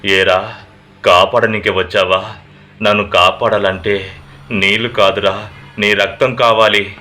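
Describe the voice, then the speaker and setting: A man's voice: on the low side, steady tone, unhurried, sharp tone. A man voicing a vicious fiery female ghost demon in a horror story, with a menacing, threatening growl.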